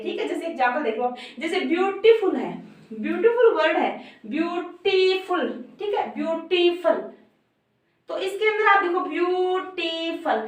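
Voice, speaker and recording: A woman teaching English grammar, asking rhetorical questions, often checking in with her students, and slowing down to spell out each example. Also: sits high. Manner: repeats "ठीक है" and asks rhetorical questions, slows down to spell out examples. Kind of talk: lesson explaining grammar. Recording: very echoey room, voice far from mic.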